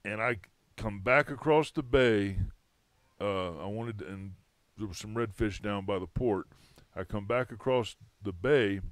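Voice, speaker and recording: A man's voice: lowish voice, measured pace, no room sound. A man, a fishing captain co-hosting a radio show, giving blunt advice and telling stories from his trips. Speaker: fishing charter captain and co-host. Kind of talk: casual chat.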